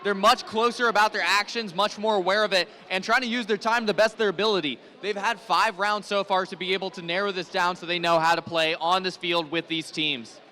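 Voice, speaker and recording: A high-voiced man with a bright, forceful edge calls a live competition. He works as a hype announcer, bouncing calls off a partner and addressing the crowd. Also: fairly even intonation, a little fast, few pauses. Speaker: play-by-play event announcer. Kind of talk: live robotics competition commentary.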